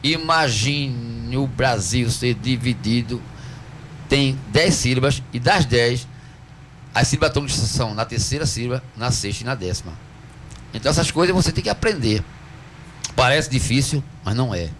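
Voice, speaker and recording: A man from Northeast Brazil with a Northeastern accent, a cordel poet answering interview questions in a radio studio, earnest and teacherly, slowing down to stress syllables. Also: mid-range voice, lively intonation, fairly bright tone, a little hiss or hum. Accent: Northeastern Brazilian Portuguese. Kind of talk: radio interview, explaining at length.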